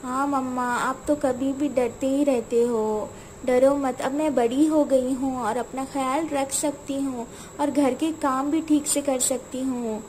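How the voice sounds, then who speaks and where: Woman as a spirited young village girl, high voice, slow chatty speech, faint background hiss, doll cartoon. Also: fairly even intonation, darkish tone. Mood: reassuring. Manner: chatty, exclaims often. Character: brave cheerful young village daughter.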